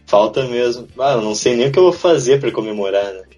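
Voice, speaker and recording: Young man, from southern Brazil, illustrator guest, husky, relaxed, modest. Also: mid-range voice, quick pace, soft background music. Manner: relaxed, modest, laughs easily. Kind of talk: casual interview chat.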